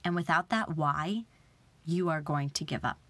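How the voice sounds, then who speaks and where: A young woman giving an earnest, animated motivational talk, sometimes dropping to a whisper for emphasis. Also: sits low, a little slow, no echo. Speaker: motivational speaker.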